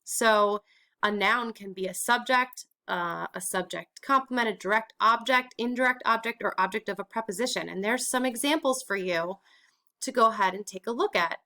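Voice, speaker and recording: Woman, teacher, recorded lesson, crisp bright tone, asks and answers her own questions. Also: medium pitch, normal speed.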